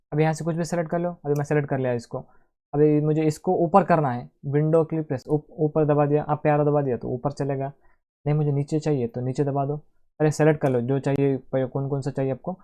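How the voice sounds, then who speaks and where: A man hosts a casual computer tutorial, talking his viewers through each keyboard shortcut step by step. His voice is mellow and warm. He addresses the audience as friends and narrates every click as he goes. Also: on the high side. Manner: chatty, keeps calling viewers "friends", walks through steps aloud. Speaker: tech tutorial host. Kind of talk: casual screen-recorded tutorial.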